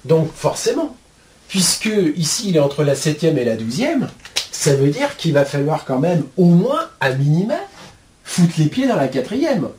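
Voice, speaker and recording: A man teaching spiritual ideas in a loose, colloquial way. His pitch swings widely as he talks, and he throws in blunt slang and constant little asides. He sounds like he is explaining things at a board. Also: sing-song, measured pace, a little mellow, a little hiss or hum.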